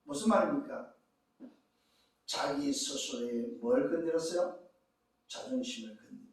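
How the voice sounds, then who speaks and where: A man's voice: a little high, normal speed. A man preaching a sermon as pastor, emphatic, firing rhetorical questions at the congregation. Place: church sanctuary. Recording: echoey church hall from far off.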